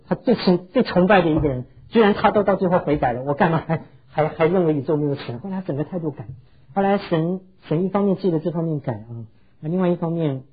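A man preaching a sermon, telling a story in an earnest, emphatic way with drawn-out sentence endings. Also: on the high side, husky. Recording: dull lo-fi recording.

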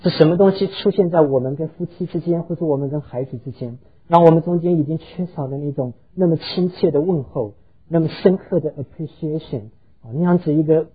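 Very husky man preaching a sermon. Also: mid-range voice, lo-fi sound. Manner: earnest, addresses the congregation, tells stories, hesitant fillers. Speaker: pastor.

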